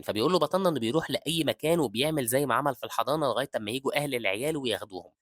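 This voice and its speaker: Rapid, lively Egyptian recap narrator. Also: male voice, mid-range voice, dry recording, studio quality. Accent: Egyptian Arabic. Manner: rapid storytelling, addresses viewers. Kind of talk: scripted narration.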